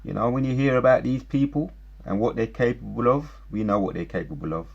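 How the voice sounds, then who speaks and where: A man's voice: medium pitch, fairly quick, gravelly, a little mellow, husky, highs cut off. A man giving casual commentary, earnestly listing plagues and reading Bible verses aloud. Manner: earnest, lists things emphatically, reads scripture aloud. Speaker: commentator citing scripture.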